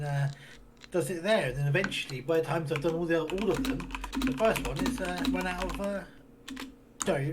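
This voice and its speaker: A man voicing a wandering half-elf male handyman in a tabletop role-play, talking in a folksy, rough way full of fillers. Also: fairly high pitch, slight background noise, natural voice.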